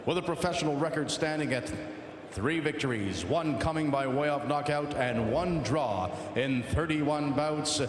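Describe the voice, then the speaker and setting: Boxing ring announcer guy, formal, stretches the names, echoey pa in a noisy hall. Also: fairly high pitch. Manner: ceremonious, measured, drawn-out delivery. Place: large indoor boxing venue.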